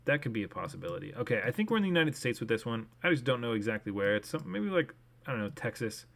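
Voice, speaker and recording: A man's voice: mid-range voice, sing-song, fast talker, gravelly, fairly bright tone. A young man casually thinking aloud while streaming a guessing game, rambling with many fillers.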